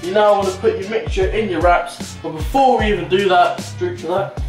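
Young British male cooking host, high-pitched, drunk, slangy and matey, in a roomy-sounding kitchen. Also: a little fast. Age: young adult. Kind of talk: casual comedic cooking chat. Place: home kitchen, indoors. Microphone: handheld camera nearby. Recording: echoey room, music behind.

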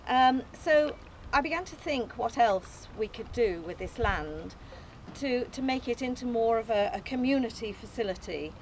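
Reading a prepared opening speech from notes, this older English lady, founder of an allotment group, stands outside on an open field. Her voice sits on the high side, expressive and at a moderate pace; she's earnest and modest, a bit hesitant, with light laughs. A faraway camera with no mic catches it, along with faint noise.

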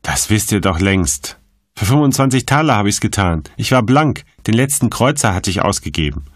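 A man voicing a desperate, defiant male prisoner who shouts and pleads in a raised, strained voice. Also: lowish voice, big pitch swings, moderate pace, no room sound, studio quality. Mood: pleading.

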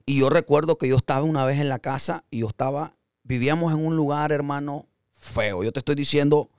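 A young adult man hosting a podcast, telling stories in an animated, slangy way. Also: on the high side, fairly quick, clear, resonant tone, no room sound, studio quality. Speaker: podcast host. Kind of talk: casual podcast conversation.

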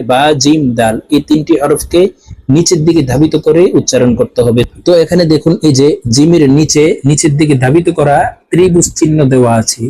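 A man teaching Quran reading, spelling each word syllable by syllable and then chanting it in long, drawn-out recitation, with brisk explanations of pronunciation rules in between. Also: fairly high pitch, darkish tone, low-quality recording. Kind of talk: letter-by-letter Quran reading lesson.

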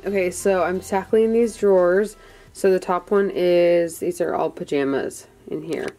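A woman's voice: fairly low pitch, steady tone, measured pace, mellow, faint music behind. A young woman talking casually as a home vlogger, narrating her cleaning routine in a chatty, friendly way with lots of fillers.

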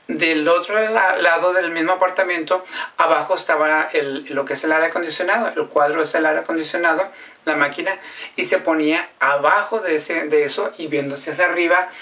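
A woman's voice: sits low, a bit bright, far from the mic. A woman casually telling a personal story, repeating herself and acting out what others said. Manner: repetitive, acts out quoted speech and sounds. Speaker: vlogger.

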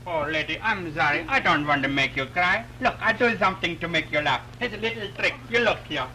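An actor playing a kindly, pleading clown in an early talkie film, halting and folksy, with ungrammatical, repetitive speech. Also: male voice, on the high side, expressive, bright, forceful tone. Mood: apologetic. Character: kindly, pleading circus clown, stubborn lone juror. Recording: noisy 1920s film soundtrack with hum.

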